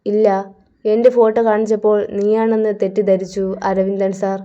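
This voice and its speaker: A woman's voice: medium pitch, level tone, normal speed, mellow, highs cut off, lightly acted. A woman voicing an earnest young man in love who speaks in an insistent, pleading way.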